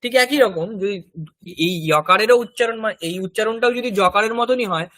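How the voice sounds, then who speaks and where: A man with a Bengali accent teaching a Sanskrit lesson, patiently spelling each word letter by letter and repeating it slowly. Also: high voice, fairly bright tone, no echo. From India. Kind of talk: classroom language lesson.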